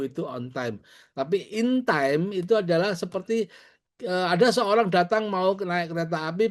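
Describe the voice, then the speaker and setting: A middle-aged male pastor preaching over a video call, conversational, telling personal stories and laughing at himself. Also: on the high side.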